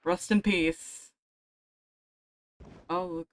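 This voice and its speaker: Over background video game music, a woman livestreams her gameplay, grumbling and muttering casual asides to herself. Her voice is lowish and fairly even in intonation, and she speaks very slowly.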